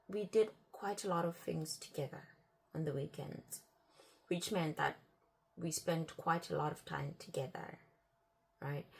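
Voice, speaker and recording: A woman vlogger tells a personal story in a relaxed, conversational way. Her voice is husky and a little gravelly. She keeps circling back and repeating herself as she replays both sides of old conversations. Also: lowish voice. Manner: chatty, retells conversations with "I'm like" and "he's like"; repeats and restarts phrases as she talks. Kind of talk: casual storytime.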